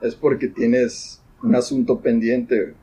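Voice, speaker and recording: A man's voice: medium pitch, little pitch movement, measured pace, dark tone, breathy edge, rough recording. A young man with a Mexican accent, chatting casually in a laid-back, slangy way. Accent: Mexican Spanish. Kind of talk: casual chat.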